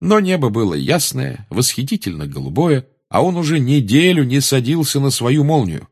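A man reading a story aloud with expressive, lively delivery. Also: medium pitch, normal speed, slightly rough. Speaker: audiobook reader.

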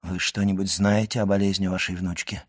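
A man voicing a grave, hushed doctor. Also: little pitch movement, brisk, dry recording, clean studio sound. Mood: hushed probing. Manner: low, hushed, urgent questioning. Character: grave, probing male doctor questioning an old man.

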